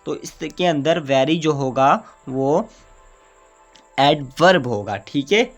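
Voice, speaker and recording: A man's voice: fairly high pitch, expressive, slow pace. Man teaching grammar with music faintly behind. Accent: Urdu-influenced Hindustani. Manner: repetitive, asks and answers his own questions. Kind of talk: explanatory lesson.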